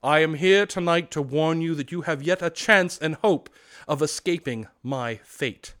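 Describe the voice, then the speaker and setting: A man voicing a tormented old male ghost, speaking loudly, slowly and with great solemnity. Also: a little high, pitched above the performer's own voice. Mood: thundering. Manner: loud, slow, declamatory. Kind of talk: storybook reading.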